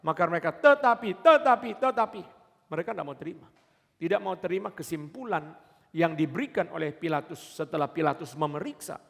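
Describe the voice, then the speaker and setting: A man preaching a sermon as pastor, emphatic, repeating key words and building to shouts. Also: a little high, fast talker, vocal fry. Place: church sanctuary. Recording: echoey church hall.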